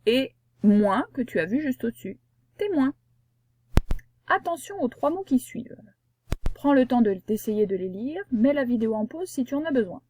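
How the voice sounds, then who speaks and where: A woman teacher giving a reading lesson to young children, patient and slow, spelling out sounds one by one. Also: fairly high pitch, expressive, mellow, a little hiss or hum. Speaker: primary school teacher.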